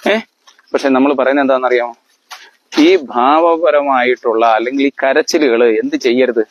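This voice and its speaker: Heard through audio with the highs cut off, a man with a mid-range voice explains matters to his family like a lecture. He keeps pausing to ask if they understand, quizzing them, and his speech is halting with fillers and restarts.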